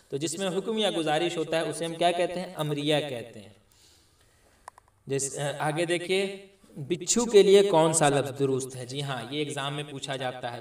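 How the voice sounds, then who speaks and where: A man's voice: on the high side, far from the mic. A man teaching an exam grammar lesson, explaining patiently and quizzing his listeners with repeated questions. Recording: echoey room, voice somewhat off-mic.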